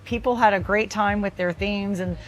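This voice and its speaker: A woman co-hosting a podcast in casual chat out on a resort veranda, talkative and laughing often, her voice a little rough after a long weekend. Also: mid-range voice, fairly even intonation, normal speed, soft background music. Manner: chatty, laughs often, rambling restarts. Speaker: podcast co-host.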